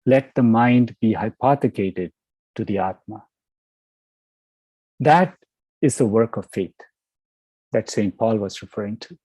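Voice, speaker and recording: A man's voice: fairly low pitch, unhurried, long pauses, warm tone, husky, no echo, rough recording. A man giving a devotional talk over a video call, telling a story in a conversational way. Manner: conversational, with fillers and restarts. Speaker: devotional speaker. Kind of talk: sermon with storytelling.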